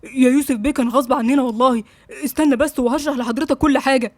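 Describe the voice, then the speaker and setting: A woman's voice: high-pitched, steady tone, a little mellow, dry recording. Scared henchman voiced by a woman, Egyptian accent, begging and swearing oaths, dry close mic. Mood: pleading. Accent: Egyptian Arabic. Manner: pleading, swearing oaths, rapid. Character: frightened male henchman pleading with his boss.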